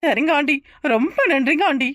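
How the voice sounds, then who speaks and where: A whining young daughter-in-law, voiced by a woman, pleading with tearful sobs in a cartoon. Her voice is high and dry. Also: expressive, a little fast, fairly bright tone, no room sound. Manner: tearful pleading, repeats "aunty". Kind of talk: cartoon voice acting.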